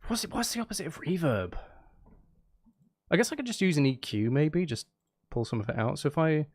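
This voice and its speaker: Over a backdrop of music and synths, this livestreamer makes music live while rambling and thinking aloud to his viewers in a casual way. He speaks briskly and expressively, his voice on the high side with a darkish tone.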